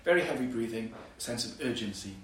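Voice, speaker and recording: A man calmly reading scene directions for an audio drama. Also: medium pitch, fast. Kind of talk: scripted narration. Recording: echoey, distant, faint noise.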